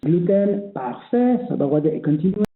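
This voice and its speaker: Here a man with a high voice and big pitch swings talks a little slowly while explaining online registration in a webinar. French is not his native language, so he hesitates often with fillers and restarts. The sound is echoey, like a phone.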